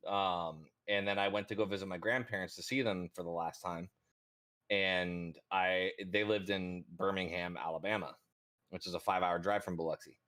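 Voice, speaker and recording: Low-voiced man rambling in casual chat. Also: fairly even intonation, normal speed, a bit bright. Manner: laid-back, profane, rambling with many fillers.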